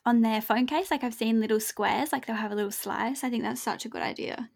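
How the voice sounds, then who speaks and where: A woman's voice: a little high, a little fast, creaky. A woman co-hosting a podcast in casual chat, who mostly agrees with short, supportive interjections. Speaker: podcast co-host.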